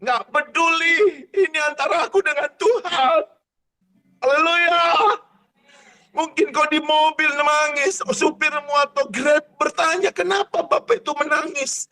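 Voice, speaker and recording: Impassioned high-voiced male preacher. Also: fairly even intonation, unhurried. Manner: impassioned, swings from shouted exhortation to hushed intensity, speaks in tongues. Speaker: pastor. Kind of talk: charismatic prophetic sermon.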